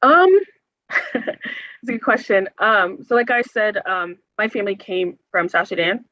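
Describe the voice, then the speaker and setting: A woman's voice: mid-range voice, unhurried, sharp tone, no echo. Earnest young woman, muffled and dry. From United States. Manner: earnest, hesitant, many ums and likes. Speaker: health care organizer, forum guest speaker. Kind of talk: answering audience questions at a forum. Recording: dull, muffled sound.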